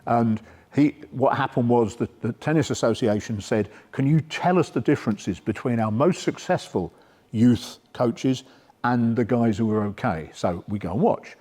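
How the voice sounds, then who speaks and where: Middle-aged male lecturer, mellow voice, informal workshop delivery, reverberant hall. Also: medium pitch, expressive, normal speed. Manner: conversational, checks in with "yeah?". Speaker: sport psychology speaker. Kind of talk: coaching workshop talk.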